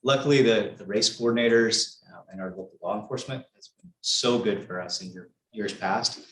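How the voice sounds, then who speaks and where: Firefighter guy answering questions, lowish voice, echoey meeting room. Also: a little fast, fairly bright tone. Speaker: firefighter guest speaker. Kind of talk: informal answers at a community meeting. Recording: echoey room, far from mic.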